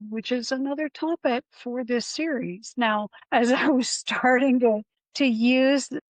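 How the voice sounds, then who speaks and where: A woman's voice: high-pitched, measured pace, no room sound, poor audio. A woman hosting an interview podcast, explaining in an earnest way and often restarting her words. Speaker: podcast host. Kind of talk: conversational interview.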